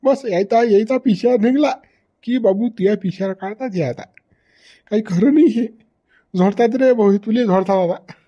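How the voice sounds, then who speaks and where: A man's voice: sits high, normal speed, mellow, husky, dull audio. A man acting in a rural comedy sketch, talking in a pleading, wailing way. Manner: pleading and wailing while being beaten.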